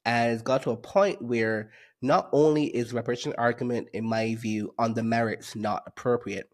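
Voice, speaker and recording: This medium-pitched man from Barbados appears as a guest economist in a podcast interview. He lays out his views in a measured way, with frequent fillers.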